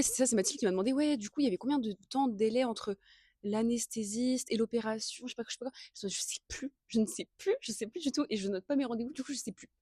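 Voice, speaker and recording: A woman's voice: medium pitch, a little mellow, no echo, clean studio sound. A woman in her early twenties co-hosting a podcast, telling personal stories in a slangy, rambling, giggly way. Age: early 20s. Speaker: podcast co-host. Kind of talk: casual chat, personal storytelling.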